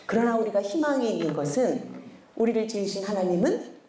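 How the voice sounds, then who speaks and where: Middle-aged woman lecturer, expressive and theatrical, swoops high and low, heard in a roomy space. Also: brisk, slight background noise. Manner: animated, acts out quoted scolding in a sharp voice. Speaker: seminar lecturer, head of a character-education school. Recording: roomy echo.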